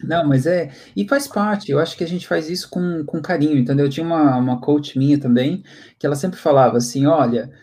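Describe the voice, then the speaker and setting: Mellow-voiced co-host. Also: male voice, a little high, a little fast. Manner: chatty, repeats "entendeu?" often. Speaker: co-host of a live stream. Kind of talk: casual live chat.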